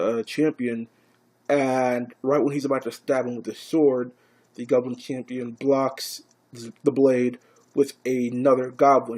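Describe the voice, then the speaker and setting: A man casually recapping and reviewing an anime episode, swearing freely and growing excited. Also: mid-range voice, husky. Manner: casual, profane, grows excited.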